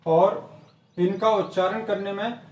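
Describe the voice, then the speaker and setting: A man teaching an exam-prep grammar lesson, repeating each definition slowly and methodically. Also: high-pitched, fairly even intonation, reverberant, far from the mic. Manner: repetitive, drills definitions slowly.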